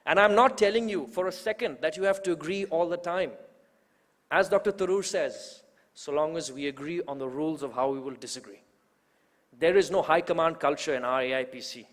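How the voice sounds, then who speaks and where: Young guy in his 20s making a fired-up speech, voice a bit high, long echo in a big hall. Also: moderate pace, fairly bright tone. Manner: rousing, emphatic, with rhetorical repetition. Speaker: youth organizer introducing the main speaker. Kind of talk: public speech at a political event. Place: large event hall.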